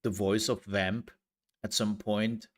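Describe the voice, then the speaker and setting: Male streamer, low voice, unhurried, animated rambling chat. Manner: rambling, laughing, animated storytelling. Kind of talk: casual live-stream chat.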